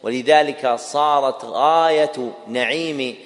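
A male scholar delivers a dictation-style religious lesson in a measured voice, repeating each phrase so students can write it down. He questions his listeners now and then and praises their answers. His voice rings with the long reverb of a large hall. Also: mid-range voice. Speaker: Islamic scholar teaching a creed text. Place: mosque or lecture hall.

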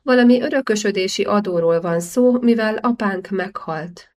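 A woman reading the soft, timid lines of a troubled young noblewoman. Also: mid-range voice, natural voice.

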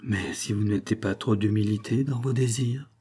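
A man's voice: lowish voice, moderate pace, dark tone, slightly rough. A man reading an audiobook voices a lovelorn, wounded nobleman who speaks with restraint and sighs. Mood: probing. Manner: restrained and sighing. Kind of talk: audiobook character voice.

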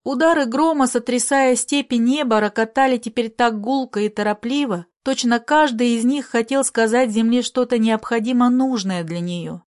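Woman reading an audiobook story, slightly high voice, measured and expressive. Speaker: narrator. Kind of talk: literary audiobook narration.

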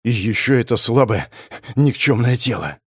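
A man reading first-person fiction aloud as an audiobook narrator, in a cold, measured, matter-of-fact manner. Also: mid-range voice, lively intonation, slightly rough, no echo, studio quality.

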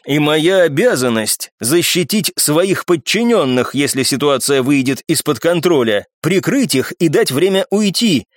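A man voicing a stern army captain who speaks slowly and lectures with contempt. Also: on the high side, sing-song, no echo, studio quality. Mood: grave. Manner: slow, measured, lecturing.

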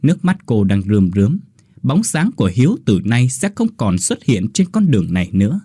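A man reading a ghost story aloud in an expressive, dramatic way. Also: mid-range voice, normal speed, breathy edge, no echo, clean studio sound. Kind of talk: scripted ghost-story narration.

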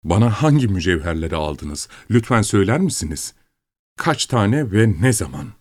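A man's voice: fairly low pitch, sing-song, moderate pace, a little mellow, no room sound. A man voicing a distraught, tearful young woman who protests indignantly, in an audiobook story. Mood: angry demanding. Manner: sobbing, indignant outbursts.

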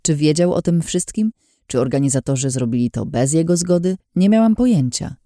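A woman narrating a first-person fantasy audiobook in a measured, calm reading, on a close studio mic. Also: low-pitched, dry recording.

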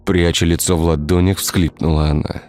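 A man narrating a dark village tale in a scripted storytelling style. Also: low-pitched, flat delivery, normal speed. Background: faint music.

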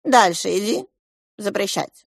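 A woman's voice: medium pitch, unhurried, gravelly, husky, dry recording, clean studio sound, pitched above the performer's own voice. A woman voicing a gloomy, stern fairy-tale king who speaks curtly.

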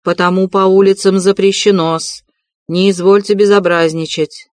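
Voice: mid-range voice, level tone, moderate pace, a little mellow, no room sound, natural voice. A reader doing a curt city policeman. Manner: curt, officious. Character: stern city policeman, man. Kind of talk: audiobook reading.

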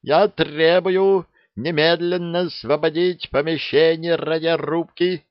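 A man voicing a flustered young male lieutenant who squeaks and barks orders in a shrill voice. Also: steady tone, normal speed, no echo, natural voice. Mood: shrill insistent. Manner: insistent, barking orders. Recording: dull dry recording.

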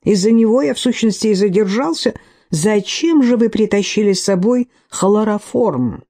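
A woman's voice: medium pitch, expressive, moderate pace, mellow, pitched above the performer's own voice. A woman voicing a defiant, sneering young man in an audiobook. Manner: defiant, hissing.

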